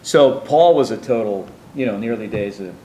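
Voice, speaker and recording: Man, meandering storyteller, interview, echoey room, faint rumble. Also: lively intonation, fairly quick, dark tone. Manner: meandering, many restarts and asides, acts out quoted people. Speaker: interviewee telling his life story. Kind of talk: rambling conversational storytelling.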